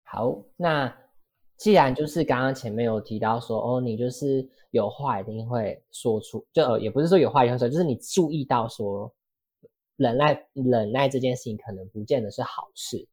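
Man, podcast host, husky voice, rambling questions, casual interview. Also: mid-range voice, normal speed, a little mellow. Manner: rambling, rephrasing his questions.

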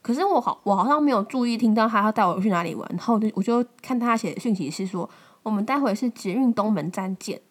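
A woman's voice: mid-range voice, fast talker. A young woman in her twenties from Taiwan, hosting a podcast and telling a personal story in a loose, conversational way, full of fillers and restarts. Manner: conversational, many fillers and restarts, rises when retelling angry lines. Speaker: podcast host. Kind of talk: casual storytelling monologue.

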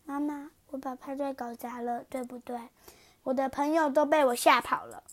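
A woman's voice: fairly even intonation, a little fast, lightly acted. Woman doing a weepy little princess. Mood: small and sad. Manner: high, wailing, sobbing outbursts. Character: weepy little girl princess, easily upset.

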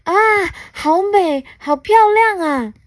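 A woman voicing a small, hungry and excitable gray alien boy in a children's storybook reading, with high squealing exclamations. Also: measured pace, no room sound. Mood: delighted.

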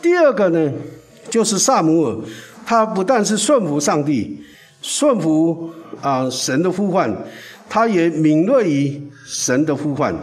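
Animated preacher. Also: male voice, fairly high pitch, a little slow, faint music behind. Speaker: pastor. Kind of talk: sermon.

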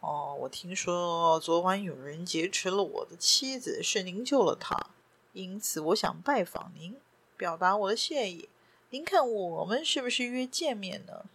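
A woman voicing a calm, courteous male banker who speaks softly and lower than her usual voice. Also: measured pace, breathy edge, full character voice. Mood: polite calm. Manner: soft, courteous, unruffled. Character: calm, polite middle-aged male banker.

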